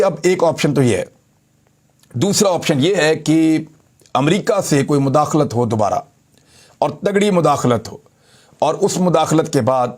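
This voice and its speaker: A man gives political commentary in a vlog. His voice sits a little high, and he talks emphatically. He rattles off points one after another. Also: darkish tone. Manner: emphatic, lists points rapidly.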